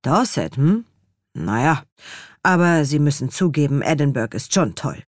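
A woman voicing a cheerful, teasing young man with a lively questioning tone, in an audiobook reading. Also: deep voice, measured pace, no room sound, studio quality.

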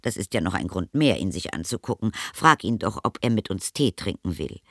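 A man reading an audiobook and voicing a brisk, suspicious mother who keeps asking questions. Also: low voice, sing-song, fairly bright tone, no room sound, clean studio sound, full character voice. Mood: probing. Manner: probing, insistent questions. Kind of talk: audiobook character voice.

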